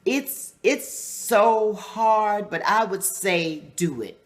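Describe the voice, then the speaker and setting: A woman with a medium-pitched voice speaks very slowly as a guest in a casual interview. She leads a nonprofit and sounds earnest, encouraging, and slightly preachy.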